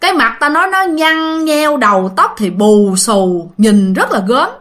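Lively Southern Vietnamese woman telling ghost stories. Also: high-pitched, a little slow. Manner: chatty, addresses listeners, lots of fillers and repeats. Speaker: storyteller. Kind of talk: casual spoken ghost story narration.

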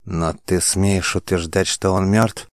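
A proud, grieving princess from an audiobook tale, voiced by a man in a low, deep register. She rules and accuses with a commanding edge. The voice sounds dry and close. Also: level tone, measured pace, no echo. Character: grieving, frantic royal princess, imperious.

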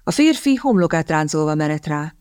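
Low-voiced woman reading an audiobook. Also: smooth, no room sound, studio quality. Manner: measured, expressive reading. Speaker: audiobook narrator. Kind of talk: scripted narration.

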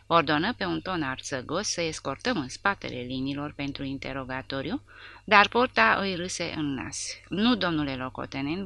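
A woman reading an audiobook with a steady, dramatic narration. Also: low-pitched, gravelly, no echo.

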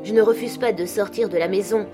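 A woman reading the part of a passionate, brooding man who speaks urgently and forcefully. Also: medium pitch, fairly even intonation, fairly quick, music in the background, natural voice. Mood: fierce.

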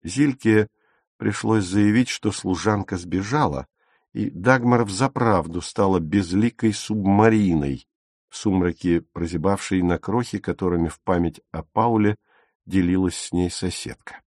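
A man with a low voice reads an audiobook, measured and expressive. The recording is close and dry with no room sound. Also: dry recording. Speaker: audiobook narrator. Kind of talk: scripted narration.

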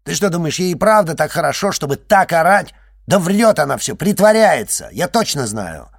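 A man voicing a loud, crude, spiteful schoolgirl who is stuck on a sofa and shouts and mocks in fast rants. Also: fairly high pitch, very animated, creaky, breathy edge, no echo, clean studio sound, pitched above the performer's own voice, heavily acted. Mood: indignant.

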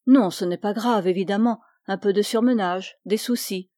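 A woman's voice: medium pitch, moderate pace, warm tone, no echo, studio quality, lightly acted. A woman reading the part of a dismissive man who brushes off a visitor in an audiobook. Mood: offhand.

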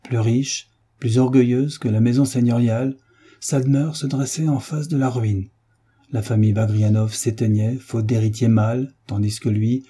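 A man narrating a classic novel in a measured, solemn way. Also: medium pitch, dark tone, husky. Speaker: audiobook reader. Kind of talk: literary narration.

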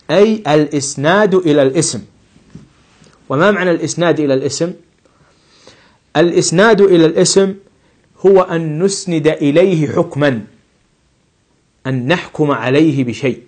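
A man with a somewhat high, husky voice teaches a grammar class. He works slowly through example words, repeats each one, and poses questions that he answers himself. His delivery is patient and methodical. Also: a little mellow.

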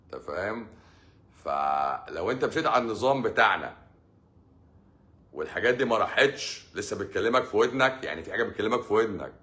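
An Egyptian-accented doctor hosts a casual live stream, answering comments with sarcasm and jokes while imitating his patients. His voice is lowish, animated, and fast, with a pushed, bright quality.

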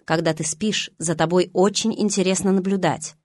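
A woman voicing a calm, gentle, secretive teenage boy in an audiobook, speaking softly and matter-of-factly. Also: lowish voice, moderate pace, no echo, natural voice. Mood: quiet, gentle. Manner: soft-spoken, matter-of-fact. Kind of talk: audiobook character reading.

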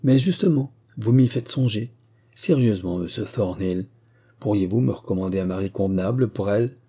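A man reading an audiobook, voicing a scheming middle-aged mother who is the vicar's wife, eager and coaxing, with a dark, husky voice. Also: fairly low pitch, normal speed.

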